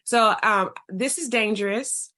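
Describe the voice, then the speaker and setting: A playful woman from Texas hosts a podcast over a remote call, tossing in slang and laughing often. Her voice sits in an ordinary middle pitch for a woman, with an easy, relaxed tone. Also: measured pace. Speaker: podcast host. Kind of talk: casual podcast chat.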